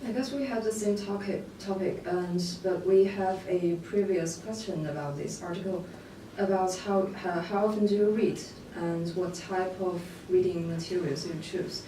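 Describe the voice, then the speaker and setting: Female student, lowish voice, reflective, noisy very echoey room. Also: steady tone, normal speed, hardly any pauses, mellow, distant mic. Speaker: student participant. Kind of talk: casual discussion.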